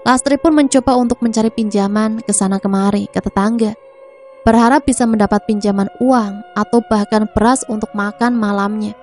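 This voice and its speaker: A woman narrating a scripted family drama in a steady, even reading voice. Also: a little high. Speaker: storyteller. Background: faint music.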